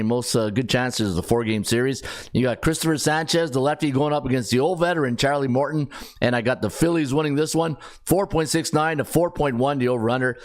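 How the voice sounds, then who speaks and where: A middle-aged man hosts a sports betting podcast in a raspy, strained, mid-range voice. He gives a casual rundown of the odds, rambling with filler words and correcting himself as he goes.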